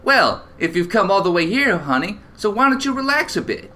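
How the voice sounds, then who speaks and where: A man's voice: high-pitched, very animated, moderate pace, pushed and bright, exaggerated voice. A man voicing a sassy, motherly woman who runs a bar and calls everyone honey in a drawl. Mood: warm teasing.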